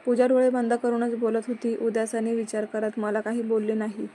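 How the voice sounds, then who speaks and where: Woman narrating a story in an even tone. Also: a little high, brisk, a little hiss or hum.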